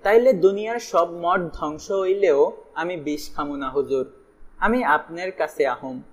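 A man voicing a devoted young village woman in an audiobook, with soft, imploring rustic speech. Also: a little high, measured pace. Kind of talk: audiobook character voice.

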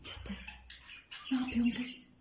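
A woman's voice: a little slow, noisy background. A woman talking baby talk to her pet bird, cooing, affectionate and playfully scolding. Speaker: pet owner.

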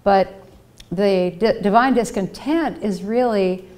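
An older woman speaks slowly in a medium-pitched, slightly mellow voice. She's a guest speaker at a podium in a library auditorium, using a headset mic for a reflective personal talk full of earnestly told stories in which she acts out quoted voices.

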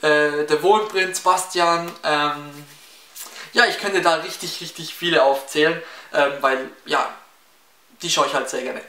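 In a small indoor room with window blinds behind him, a Swabian-accented young man of seventeen from the Stuttgart area of Baden-Württemberg chats through viewer questions for a casual Q&A vlog, full of fillers and false starts. His voice is a little high, unhurried, pushed and bright. The room echoes and the mic sits slightly distant.

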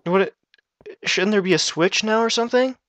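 A man's voice: high voice, normal speed, fairly bright tone, no room sound. A man chatting casually over a let's-play game, flustered at times and dry and offhand. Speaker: gameplay commentator.

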